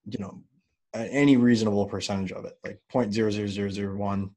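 A man speaking as a podcast guest, telling stories in a relaxed, animated way with plenty of fillers. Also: on the low side, fast talker. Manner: relaxed, animated, loose with fillers and an occasional curse. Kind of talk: casual interview storytelling.

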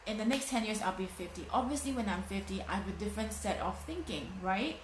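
A woman's voice: mid-range voice, lively intonation, quick pace. Woman in her late 30s doing a motivational talk, hammers the same phrase over and over, roomy echo, faint hiss behind. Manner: emphatic, repeats phrases for effect. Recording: echoey room.

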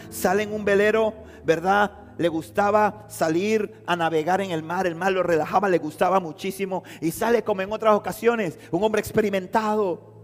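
A man preaching a sermon, telling a story with dramatic storytelling and rising to fervent exhortation. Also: high voice. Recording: hall reverb with faint music behind.

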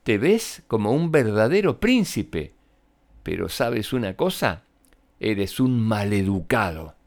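A man voicing a brave, determined young princess in a children's storybook reading, with an excited, cunning manner. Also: on the low side, takes it slowly, heavily acted.

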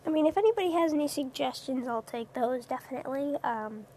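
A woman's voice: high voice, expressive, fast talker, warm tone, slight background noise. A young woman streamer rambling hesitantly in a casual late-night chat, with lots of fillers.

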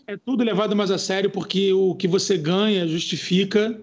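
A man's voice: sits high, fairly even intonation, moderate pace, darkish tone. A man chatting casually with friends, joking and swearing freely. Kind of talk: casual chat among friends. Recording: dull lo-fi sound.

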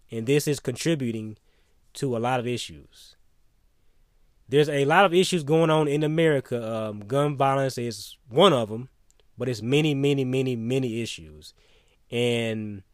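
An opinion commentator with a mid-range voice delivers a solo monologue, blunt and emphatic, with occasional swearing. The audio is studio quality with no echo.

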